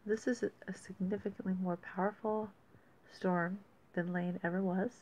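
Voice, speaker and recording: A woman giving casual, unscripted commentary as host of an amateur weather report, speaking haltingly and thinking aloud with pauses. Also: mid-range voice, fairly even intonation, darkish tone. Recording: dull lo-fi audio with faint noise.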